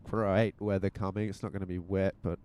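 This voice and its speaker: This podcast host keeps a level tone while he rambles casually and teases with pretend sternness during a drive. His voice is low-pitched, smooth and darkish, and he talks a little fast into a handheld mic, headphones on.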